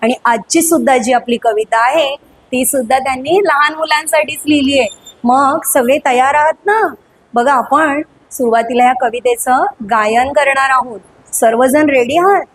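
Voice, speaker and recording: A woman teacher singing a children's poem slowly, then explaining it briskly to children with many questions. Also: high voice, a little hiss or hum, poor audio. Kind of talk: school poem lesson, sung then explained. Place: school classroom.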